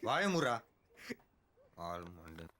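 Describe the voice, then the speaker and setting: A man's voice: low-pitched, sing-song, slow pace, sharp tone, exaggerated voice. An actor playing a young man who is a brusque, bossy roommate, scolding his friends. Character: brash young male roommate, bossy and quick.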